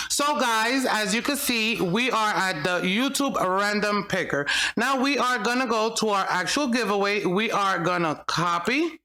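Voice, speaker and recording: A man's voice: high voice, bright, forceful tone. A man hosting a beauty channel, giving an upbeat, chirpy giveaway announcement straight to the viewers.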